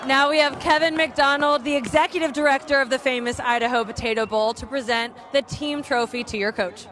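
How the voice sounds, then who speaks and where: A woman's voice: high-pitched, steady tone, brisk. A woman working as a sideline reporter, conducting a live post-game interview on an outdoor football field. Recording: loud stadium crowd behind, outdoors.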